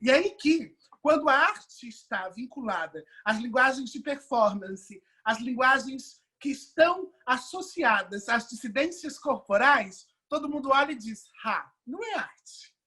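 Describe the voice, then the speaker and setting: A woman's voice: high voice, lively intonation, unhurried, few pauses, bright, forceful tone, slightly rough. A woman with a Brazilian Portuguese accent giving an online course lecture, reflective and questioning, often adding tag questions as she reasons aloud.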